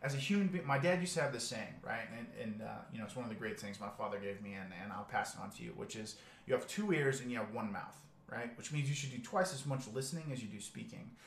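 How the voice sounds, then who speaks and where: A man's voice: mid-range voice, quick pace, creaky, roomy sound. A man giving a live coaching talk to business owners, earnest and repetitive, often asking "right?". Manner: earnest, coaching tone, repeats key phrases, frequent "right?". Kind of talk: live webinar presentation.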